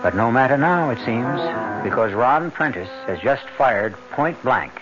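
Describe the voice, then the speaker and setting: A man narrating a radio drama in a measured, reflective way, heard through an old AM radio broadcast. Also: mid-range voice, lively intonation. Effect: old AM radio broadcast sound. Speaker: host narrator. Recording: dull lo-fi AM radio broadcast with music.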